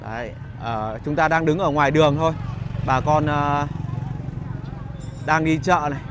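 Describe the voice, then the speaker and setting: Higher-voiced man narrating a market walk. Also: steady tone, a crowd in the background. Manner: hesitant phrasing with frequent filler pauses. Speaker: market vlogger and guide. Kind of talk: casual walking vlog narration to viewers. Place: outdoors in a busy rural street market. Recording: noisy outdoor market street ambience. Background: market bustle and vehicles.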